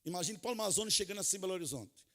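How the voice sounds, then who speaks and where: Animated preacher man swinging soft to loud. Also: sits high, racing. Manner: animated, humorous, plays out little scenes. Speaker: pastor. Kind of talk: sermon to a pastors' conference. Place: large conference hall.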